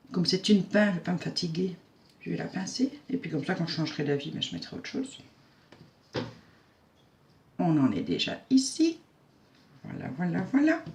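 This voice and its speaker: Woman, chatty craft tutorial, talks through every step, homely, self-mocking. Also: mid-range voice. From Belgium. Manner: chatty and homely, narrating each step while working, with frequent fillers.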